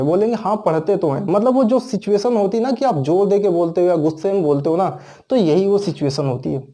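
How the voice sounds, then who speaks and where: Mellow-voiced man teaching grammar. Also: high voice. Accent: Indian. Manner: explains step by step, asks and answers his own questions. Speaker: English teacher. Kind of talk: classroom grammar lesson.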